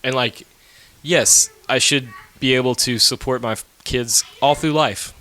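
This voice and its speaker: A man's voice: mid-range voice, measured pace, bright, forceful tone. A man in his thirties, co-hosting a podcast in casual chat, who jokes, teases and swears freely. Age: 30s. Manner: joking, swears freely, playful teasing. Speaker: podcast co-host.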